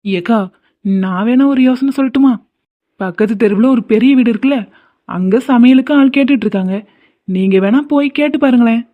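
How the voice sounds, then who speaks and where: A woman's voice: a little high, a little fast, close to an everyday voice. A woman voicing a friendly young neighbor woman who offers advice in a cartoon. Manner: friendly, encouraging. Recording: tinny phone-like sound.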